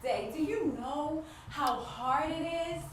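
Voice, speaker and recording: On stage in a large, echoey room, an actress with a high female voice plays a devout wife struggling with infertility, anguished yet hopeful and pleading. Her emphatic monologue to the audience uses repeated phrases and dramatic pauses, captured from far off in the hall with background noise.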